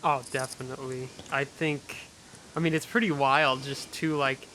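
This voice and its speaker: A man's voice: mid-range voice, steady tone, moderate pace, sharp tone, low-quality recording. A man hosting a podcast interview in casual chat, laid-back and full of "like". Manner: laid-back, heavy use of "like". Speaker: podcast host. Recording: faint hiss.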